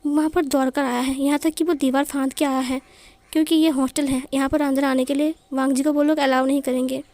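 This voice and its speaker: A woman narrating a fan fiction story in a plain, steady way. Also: high voice, a little fast.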